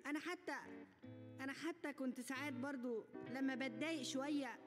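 A woman's voice: high-pitched, brisk, lightly acted. A woman voicing an eager, boastful yet sensitive boy comedian in an Egyptian Arabic cartoon dub, speaking earnestly. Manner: excitable, earnest. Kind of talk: animated cartoon dub acting. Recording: music behind the voice.

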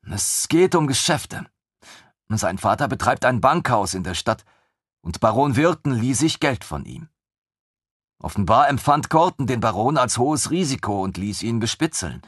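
A man voicing a calm young woman mage in a fantasy audiobook, explaining things patiently with quiet amusement. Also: mid-range voice, husky, no room sound, studio quality, voice pushed up, heavily acted. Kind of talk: audiobook character voice.

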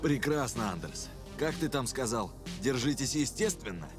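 An actor playing a hard-bitten, dry and curt mercenary in a Russian video game dub. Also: male voice, mid-range voice, big pitch swings, moderate pace, natural voice. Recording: music behind.

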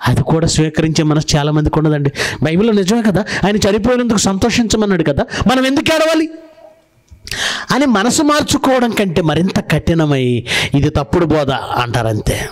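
A man's voice: a little high, expressive, fairly quick. A man preaching a sermon, telling stories and asking his listeners rhetorical questions. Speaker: pastor.

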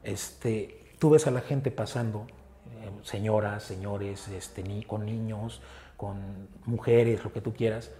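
A man with a Mexican Spanish accent, an animal rescuer, talking earnestly in an interview and often pausing on filler words. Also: fairly low pitch, fairly even intonation, mellow. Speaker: animal rescue group founder. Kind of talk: casual interview talk. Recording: roomy echo with faint ambience.

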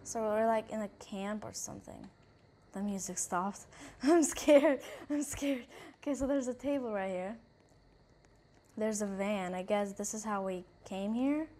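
A woman's voice: medium pitch, normal speed, darkish tone. A woman hosting her own gaming channel, playing a horror game and commenting nervously, saying over and over how scared she is as she describes what she sees. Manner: thinks aloud, narrating what she sees. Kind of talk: let's-play commentary.

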